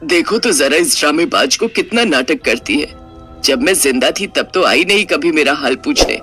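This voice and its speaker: A woman voicing a worried mother who has become a witch spirit, speaking low and fretfully. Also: moderate pace, a bit bright, faint music behind. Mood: scornful. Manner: low, fretful, scolding muttering. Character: worried widowed mother turned ghostly witch.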